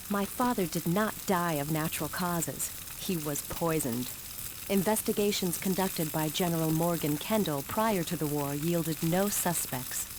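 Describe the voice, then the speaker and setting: Low-voiced solemn warrior queen, hissy audio. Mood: grave. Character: grave, resolute warrior queen, weary of war. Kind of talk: dramatic scripted game cutscene narration.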